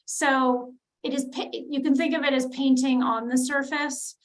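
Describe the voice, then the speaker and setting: A woman with a fairly high voice walks a community meeting through a street plan. She talks haltingly, with frequent ums and self-corrections. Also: fairly even intonation, rough recording. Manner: hesitant, many fillers and restarts. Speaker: city transportation planner presenting. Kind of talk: public meeting presentation.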